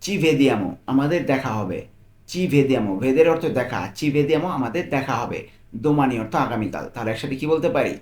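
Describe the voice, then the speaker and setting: A man teaching Italian phrases and explaining each word, slowing right down on the example phrases. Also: medium pitch, lively intonation, darkish tone. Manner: slow and deliberate on example phrases, quicker on explanations. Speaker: language teacher. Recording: echoey room.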